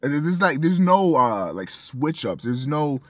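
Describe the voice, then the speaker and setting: Animated, profane male music reviewer. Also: a little high, unhurried, no room sound. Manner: animated, profane, mimics reactions. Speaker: co-host of a music review show. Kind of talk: casual review chat.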